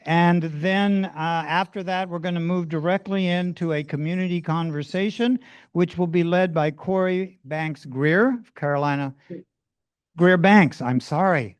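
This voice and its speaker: A man with a clean, resonant voice and a slightly raised pitch opens a library film evening. He speaks in an earnest, measured way and works through long lists of thanks. The sound is dry and close, with little room echo. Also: clean tone. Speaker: event organizer introducing a film screening. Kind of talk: public event introduction. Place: public library event room.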